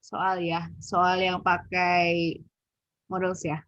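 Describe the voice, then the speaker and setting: A woman's voice: on the low side, monotone, drawn-out words, fairly bright tone, no room sound. A woman teaching English in an online lesson, often hesitating and thinking aloud with many fillers. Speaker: English tutor. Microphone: video call. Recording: muffled video call audio.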